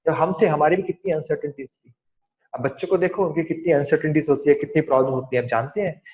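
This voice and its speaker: A man's voice: a little high, fast. Earnest man giving a seminar. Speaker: parenting speaker. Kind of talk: seminar talk. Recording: dull lo-fi sound.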